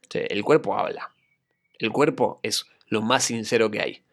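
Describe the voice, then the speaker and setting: Gravelly Argentine man hosting a podcast. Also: on the low side, moderate pace. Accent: Argentine Spanish. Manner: reflective, anecdotal, conversational. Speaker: podcast host and acting coach. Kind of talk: solo podcast monologue.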